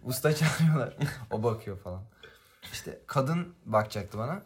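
A man's voice: medium pitch, expressive, normal speed. Young man, casual chat, storytelling, laughs often, slangy. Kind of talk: casual chat among friends.

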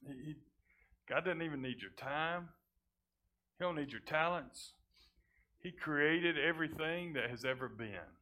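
A pastor delivers a folksy, plain-spoken sermon, repeating himself as he builds. His voice is bright and fairly high, and it climbs loud and high on key points before sinking soft and low. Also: unhurried. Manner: impassioned, swells loud and high on key points, then drops low and quiet.

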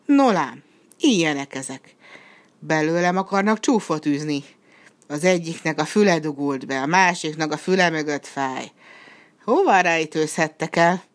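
A woman voicing a boastful, hot-tempered male red devil in a storybook reading, with a booming, swaggering delivery. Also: expressive. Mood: indignant.

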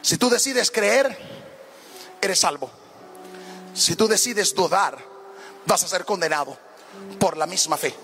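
A man's voice: high voice, slow, gravelly, long pauses, a bit bright, slight background noise. A man preaching a fervent sermon as a pastor, often lifting his phrases into a half-sung cadence.

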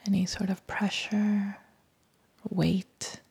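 A woman whispering a guided body-scan meditation, softly and calmly leading the listener to breathe and let go. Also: mid-range voice, creaky, slightly rough. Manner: soft whispering throughout, calm and unhurried.

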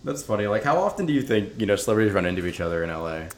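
A man's voice: on the low side, very animated, racing, slight background noise. A man co-hosting a podcast in casual chat, joking and laughing often. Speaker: podcast co-host.

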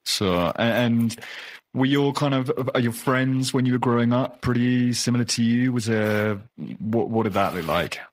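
A man's voice: mid-range voice, moderate pace. A man hosting a podcast, talking in an enthusiastic, effusive way in a casual interview chat. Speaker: podcast host.

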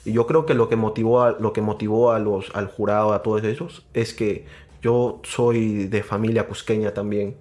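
A young man with a Peruvian Spanish accent, a podcast guest telling his story in an animated, casual way and calling the hosts "brother". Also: lowish voice, moderate pace. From Peru.

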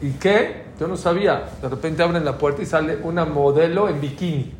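A man's voice: a little high, brisk. A middle-aged man with a Mexican Spanish accent teaching an informal religious class, telling anecdotes and acting out the dialogue. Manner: lively storyteller, acts out dialogue. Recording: echoey room with faint ambient noise.

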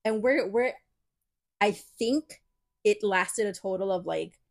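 A young woman co-hosting a podcast, telling a story in casual chat, animated and profane, often laughing. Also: mid-range voice, slow, vocal fry. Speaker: podcast co-host.

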